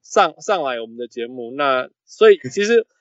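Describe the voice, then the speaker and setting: A man's voice: mid-range voice, big pitch swings, normal speed. A man hosting a casual sports podcast, slipping English phrases into his Mandarin and repeating words as he searches for terms. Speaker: podcast host. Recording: muffled, roomy lo-fi podcast audio.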